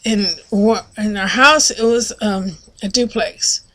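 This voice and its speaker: A woman vlogging casually, telling a rambling story full of fillers and restarts and acting out other people's lines. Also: slow. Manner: acts out other people's lines in a loud, high voice.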